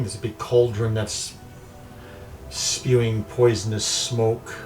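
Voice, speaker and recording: A man's voice: medium pitch, darkish tone, low-quality recording. A man narrating as game master in a tabletop game, describing scenes loosely with many fillers. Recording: mic set back, faint music.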